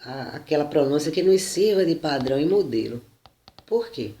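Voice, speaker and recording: A Brazilian teacher giving a slow spoken lesson, explaining and checking in with the listener as he goes. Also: mid-range voice, lively intonation, warm tone. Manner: slow, deliberate, frequent "né?" and self-corrections. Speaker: Portuguese teacher. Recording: roomy echo.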